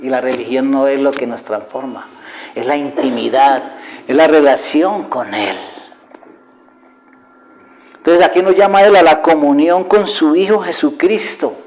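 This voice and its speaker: Male preacher, middle-aged, slightly high voice, fervent sermon delivery. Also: measured pace, pauses often, a little mellow, slight background noise, rough recording. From Colombia. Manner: passionate, swings from raised voice to near-whispers; asks rhetorical questions.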